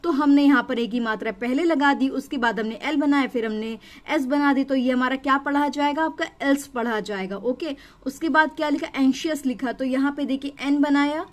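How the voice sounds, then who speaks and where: A woman's voice: sits high, moderate pace. A woman shorthand teacher, explaining each step patiently and repeating it with questions. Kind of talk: explanatory lesson.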